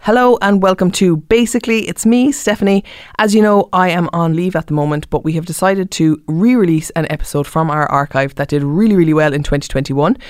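A woman's voice: on the low side, steady tone, brisk, darkish tone, no echo. A woman hosting a podcast, talking in a chatty, informal way and thinking aloud with small fillers. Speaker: podcast host. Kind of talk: casual podcast intro and interview.

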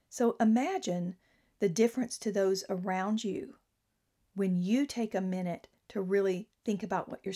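A woman speaks in an earnest, conversational way, giving an inspirational talk to listeners. Her voice is mellow and warm, at a middling pitch for a woman.

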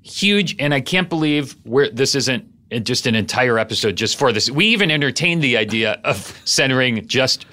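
A middle-aged man co-hosting a comedy podcast, chatting casually with relaxed, deadpan jokes. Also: mid-range voice, normal speed, hardly any pauses. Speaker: podcast co-host.

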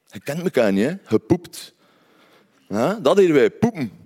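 Flemish male storyteller, animated pitch, wry and conversational. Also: normal speed. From Belgium, Ghent. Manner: conversational, wry asides to listeners. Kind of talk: personal storytelling.

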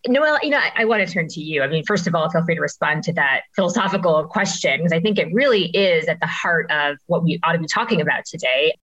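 A woman's voice: sits low, animated, fast talker, hardly any pauses, fairly bright tone, highs cut off. A woman hosting a panel discussion, posing questions to a guest in a conversational way. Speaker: host.

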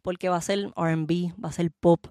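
A woman's voice: lowish voice, flat delivery, a little fast, warm tone, no room sound, studio quality. A young woman from Puerto Rico with a Puerto Rican accent, a singer talking in a casual interview, hesitant and repeating her words. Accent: Puerto Rican Spanish. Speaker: singer guest.

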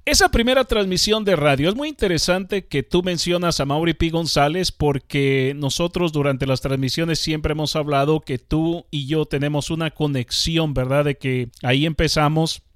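A male sports broadcaster leads an interview with friendly, well-ordered questions. His voice sits slightly high. The sound is close and dry, with no room echo. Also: normal speed, hardly any pauses.

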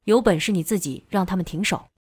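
A woman's voice: mid-range voice, fast, darkish tone, slightly rough, no echo, clean studio sound, lightly acted. A woman voicing a proud, unyielding military general man in a storybook reading, speaking defiantly.

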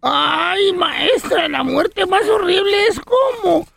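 A woman doing a squeaky cheeky little schoolboy. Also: slow pace, vocal fry, a bit bright, exaggerated voice. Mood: plaintive. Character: small boy schoolkid, cheeky and blunt. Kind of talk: comedy sketch.

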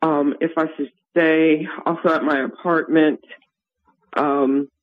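A middle-aged woman calling in to a radio advice show over the phone, speaking hesitantly with many pauses and ums. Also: low voice, fairly even intonation. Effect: heard over a phone line on a radio show. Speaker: caller to a call-in advice show. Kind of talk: phone-in call. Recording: tinny phone line.

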